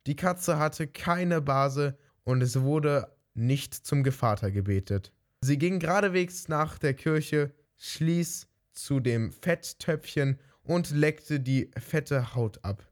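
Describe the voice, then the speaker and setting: Slow-reading male storyteller. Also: fairly high pitch. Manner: unhurried, small slips corrected. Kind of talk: fairy-tale reading aloud.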